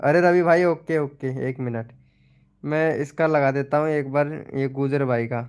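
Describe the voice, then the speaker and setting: A young man hosts a casual live stream promoting channels, chatting with viewers and teasing them by name as he reads their comments. His voice is medium-pitched, a little slow and a little mellow, with a clean tone.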